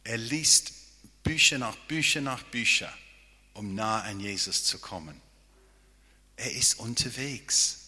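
A man's voice: medium pitch, slow pace, pauses often, sharp tone, husky. A man preaching a sermon as pastor, earnest and often checking in with his listeners with a questioning "ja?". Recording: long hall reverb.

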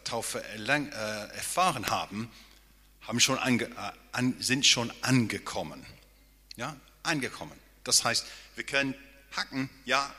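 A male pastor delivers a sermon in a slow, unhurried cadence, his voice very bright and edged with a husky grain. He speaks earnestly and keeps turning to the congregation with a questioning "ja?". The sound carries a long reverb from a church hall. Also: mid-range voice. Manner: earnest, often checks in with listeners with a questioning "ja?".

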